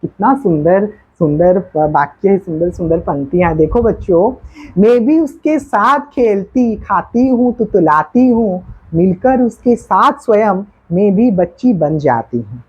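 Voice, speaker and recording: A woman teacher slowly explaining poetry lines to students, repeating words and their meanings. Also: mid-range voice, expressive, a little mellow, slightly rough. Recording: dull lo-fi classroom recording.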